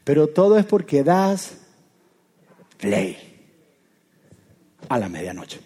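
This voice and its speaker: A man preaching a sermon in a lively, conversational way, often asking his listeners rhetorical questions. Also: on the high side, slow pace, slightly rough.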